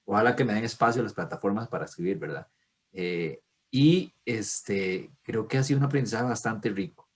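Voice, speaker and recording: A man hosts a relaxed podcast conversation. His voice sits low and has a husky grain. He talks in a chatty, enthusiastic way and keeps affirming what he hears. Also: moderate pace. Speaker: podcast host. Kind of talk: casual podcast interview.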